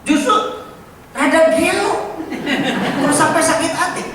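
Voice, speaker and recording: A man's voice: very high voice, unhurried. Brief: playful male preacher, recorded from afar in a big echoing hall with faint noise. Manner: playful, teasing, asks the congregation questions. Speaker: pastor. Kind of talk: sermon with a live illustration. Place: large church hall. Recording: very echoey church hall from far off, faint noise.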